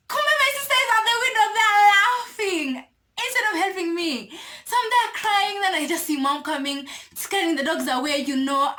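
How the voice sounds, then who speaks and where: Bright, high-voiced Kenyan woman storyteller. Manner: animated, laughing, mixes in Swahili slang. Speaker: vlogger. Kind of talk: casual storytime.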